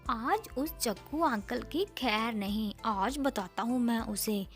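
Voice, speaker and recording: A woman's voice: on the high side, takes it slowly, faint music behind. A woman voicing a protective young sparrow boy who stands up for his mother. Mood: determined. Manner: fierce, commanding.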